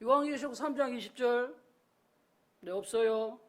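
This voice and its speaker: A man's voice: very high-pitched, normal speed, a bit bright. A male pastor giving a Sunday sermon, telling a story and acting out the voices in it.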